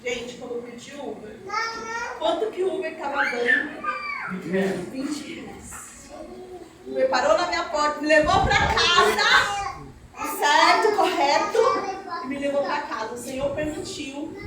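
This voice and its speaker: A woman preaches her testimony, her voice pitched very high. She tells her story with animated energy and frequent laughter. The recording is distant and booming in a heavily echoing hall, with clear background noise. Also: unhurried, pauses often. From Minas Gerais, Brazil. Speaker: missionary. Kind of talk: testimony sermon to a congregation. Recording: very echoey hall, distant mic, noisy.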